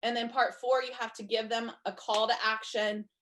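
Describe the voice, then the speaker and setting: A woman with a somewhat high voice, giving chatty instructional talk to a group of sellers. Her voice is a little hoarse, as if she is losing it. She keeps checking in with her listeners as she explains each step. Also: little pitch movement, moderate pace, a bit bright, a little hiss or hum. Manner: chatty, checks in with "okay?" and "you guys". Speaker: direct sales trainer.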